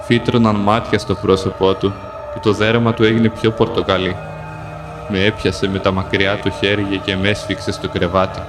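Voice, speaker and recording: Man narrating a dark tale over music. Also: fairly low pitch. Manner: calm, measured, plain reading in short sentences. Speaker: storyteller. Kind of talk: scripted first-person narration of a dark fantasy tale.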